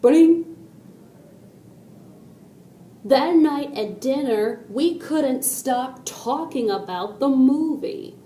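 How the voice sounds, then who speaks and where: A woman reading a children's story aloud, slowly and deliberately, and adding her own spoken sound effects. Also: high voice, animated, dark tone, far from the mic. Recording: echoey room with faint noise.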